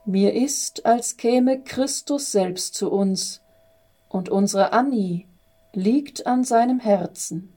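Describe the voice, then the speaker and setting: A woman voicing a grieving mother who speaks quietly and softly, in a storybook reading. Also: fairly high pitch, takes it slowly. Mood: tender. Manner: quiet, soft. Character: grieving young mother, soft-spoken.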